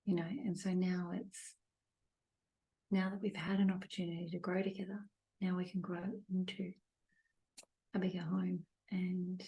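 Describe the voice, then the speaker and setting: A woman's voice: fairly low pitch, warm tone, slightly rough, rough recording. A woman co-hosting a podcast, talking casually and reflectively in earnest, unfolding phrases from personal experience. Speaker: podcast co-host.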